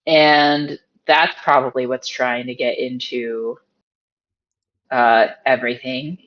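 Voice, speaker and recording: A woman's voice: extremely low pitch, flat delivery, slow, lo-fi sound. A woman voicing her character, a young woman thief, speaking hesitantly and earnestly. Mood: uneasy. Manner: hesitant, stumbling.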